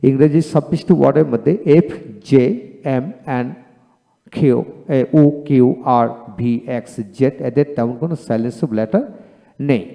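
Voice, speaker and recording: A man teaching a lesson, methodically listing item after item with counts in a steady explaining voice. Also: medium pitch, unhurried, gravelly. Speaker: English teacher. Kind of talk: instructional explanation. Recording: long hall reverb.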